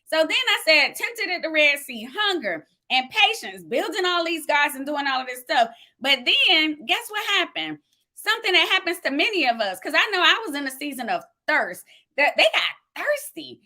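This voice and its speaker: This minister's live-streamed sermon is fervent and preacherly, and she responds aloud to viewers' comments while teaching. Her voice sits high with a sharp tone, very animated, moving at a normal speed.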